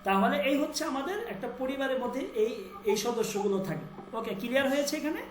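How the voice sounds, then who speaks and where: A woman teaching a Persian class who says each word again and again slowly and keeps quizzing her students. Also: sits high, lively intonation, echoey room, noisy background. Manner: drills words by repeating them slowly, quizzes students. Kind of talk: online class lesson.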